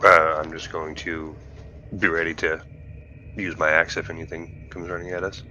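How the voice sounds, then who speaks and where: A man's voice: very deep voice, little pitch movement, normal speed, pushed and bright. A man speaking as a player in a tabletop game. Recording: dull, lo-fi mic with faint noise.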